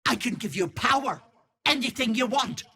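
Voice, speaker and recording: An actress playing a sinister old hag who poses as a kindly auntie in a video game, cooing mocking endearments in a theatrical way. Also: female voice, fairly high pitch, expressive, moderate pace, sharp tone. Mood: taunting, cajoling. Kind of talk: video game character acting.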